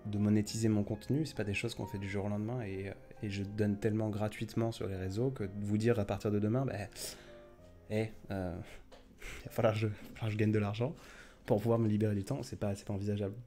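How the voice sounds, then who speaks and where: A man's voice: fairly low pitch, flat delivery, quick pace, warm tone, soft background music. A man hosting a casual late-night live stream, chatting in a rambling way with many fillers and restarts.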